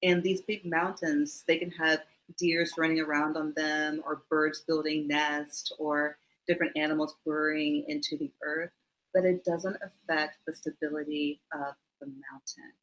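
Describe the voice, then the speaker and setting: A middle-aged woman who teaches mindfulness speaks in a low, flat, unhurried voice while answering interview questions over a video call, and the recording quality is low. Even so, she adds warm, laughing asides and acts out quoted voices.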